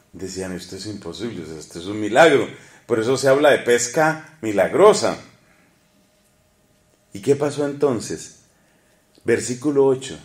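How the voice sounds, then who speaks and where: A man preaching a sermon, animated, asking the congregation questions and swinging between loud and hushed delivery. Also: fairly low pitch, reverberant. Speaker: priest preaching.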